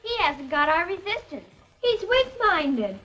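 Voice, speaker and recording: A woman's voice: very high-pitched, very animated, unhurried, fairly bright tone, exaggerated voice. A female performer playing a bossy, wisecracking child in 1930s screwball comedy banter, on an old film soundtrack. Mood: scheming.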